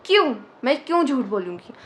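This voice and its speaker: High-voiced young woman telling a story. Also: a little fast, a little hiss or hum. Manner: animated, mixes English phrases into Hindi. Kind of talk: casual storytime narration.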